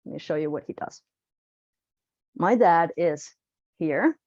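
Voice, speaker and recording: A woman teaching a live group exercise class in a lively, chatty, joking and direct way. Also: lowish voice, takes it slowly, dry recording, highs cut off. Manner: direct, plain-spoken coaching. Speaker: posture exercise instructor.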